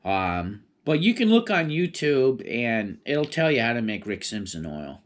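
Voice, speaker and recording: A man's voice: medium pitch, very animated, unhurried. A man chatting casually on his own in a rambling, laid-back stoner manner. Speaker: vlogger. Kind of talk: casual solo rambling chat.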